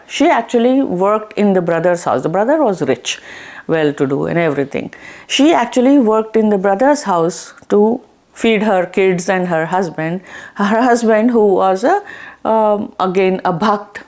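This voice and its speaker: Woman host, chatty storyteller, animated, asks "right?" often. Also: mid-range voice, a little slow. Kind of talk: storytelling and religious ritual instruction.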